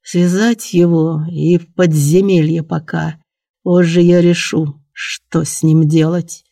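Reader doing a menacing old prince, slow, warm low tone. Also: flat delivery, vocal fry, no echo, clean studio sound. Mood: cold. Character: enraged elderly male prince, tyrannical. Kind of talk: audiobook character voice.

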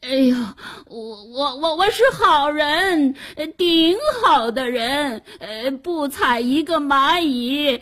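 A woman's voice: high voice, a bit bright, voice pushed up, full character voice. Woman voicing a sobbing, stammering flood survivor. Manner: stammers, whines and sobs. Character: stammering, sniveling young male flood victim.

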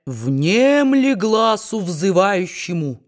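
A woman reading a storybook and voicing a fiery male preacher who shouts slow, drawn-out denunciations. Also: mid-range voice, very animated. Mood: ranting. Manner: loud, drawn-out denouncing.

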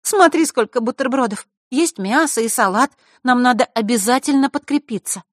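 A woman voicing a cheerful, chatty young fairy girl in a high, bright voice in an audiobook. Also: moderate pace, no room sound, clean studio sound, natural voice. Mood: eager. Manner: eager, bubbly, pushy. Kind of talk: audiobook character voice.

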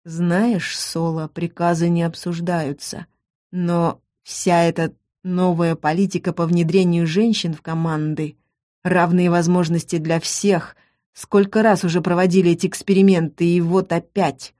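A woman reading an audiobook voices a stern male starship captain, speaking curtly and slowly in a lowered voice. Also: little pitch movement, warm tone, dry recording, studio quality, natural voice. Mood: scornful. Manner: curt, commanding, slow and low.

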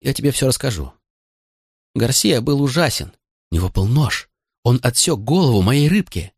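A man's voice: mid-range voice, sing-song, moderate pace, slightly rough, no echo, clean studio sound, voice pushed up. A man reading an audiobook voices a frightened young boy who pleads through tears with his stern father. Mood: pleading, tearful. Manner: sobbing, pleading. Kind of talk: audiobook character voice.

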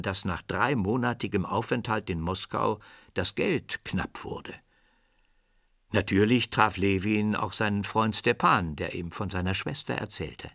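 A man narrating a radio drama with a fairly low voice, recorded dry and close. His storytelling is measured and expressive. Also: gravelly, no echo. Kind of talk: scripted literary narration.

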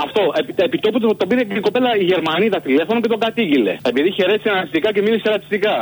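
A man's voice: high-pitched, lively intonation, husky. A man calling in to a radio show, shaken and telling a story in an agitated way. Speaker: caller.

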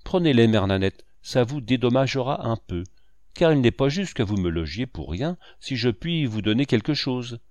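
A man's voice: mid-range voice, big pitch swings, normal speed, a little mellow, dry recording, natural voice. A man voicing a poor, honest young mother who speaks humbly in a storybook reading. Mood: grateful. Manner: humble, pleading.

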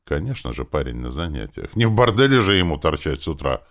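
A man's voice: rumbling low, sing-song, quick pace. A man narrating a first-person audiobook in a wry, sardonic manner.

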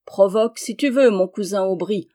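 Woman narrator reading a scornful, laughing knight; mellow voice, storybook. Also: mid-range voice, moderate pace, lightly acted. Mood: mocking. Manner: taunting, light-hearted. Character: mocking, laughing male knight.

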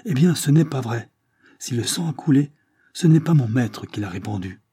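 A man's voice: expressive, normal speed, slight background noise, close to an everyday voice. A man reading an audiobook, voicing a devoted elderly peasant nursemaid who speaks earnestly and urgently. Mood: pleading. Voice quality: raised pitch, forceful. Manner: earnest and pleading.

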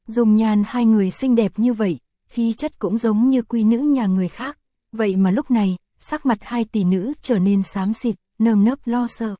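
A woman reads a story aloud as an audiobook narrator, keeping a steady, even pace. Her voice is dark and mellow, with a middle pitch. The recording is close and dry, with no room sound. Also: no room sound. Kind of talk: scripted narration.

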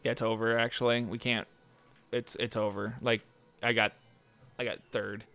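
A man's voice: mid-range voice, flat delivery, moderate pace, bright, forceful tone. A young man casually commenting on a racing game, rambling with lots of fillers, swearing and laughing often. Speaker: gameplay commentator. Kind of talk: casual gaming chat.

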